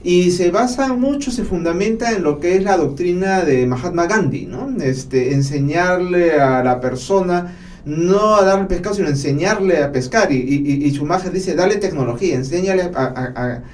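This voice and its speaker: A man who is a guest on a radio interview, speaking in a fairly high voice. He sounds set back from the microphone, with a faint layer of ambient noise around him. He explains his points patiently, stumbling into occasional restarts and tagging his sentences with a questioning "¿no?". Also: expressive, normal speed, a little mellow, distant mic. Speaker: guest, forestry specialist.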